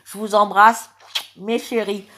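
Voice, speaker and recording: A woman's voice: medium pitch, level tone, takes it slowly, sharp tone. A woman with a French accent talking casually and affectionately to her subscribers in a vlog, with many hesitations. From France. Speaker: YouTuber.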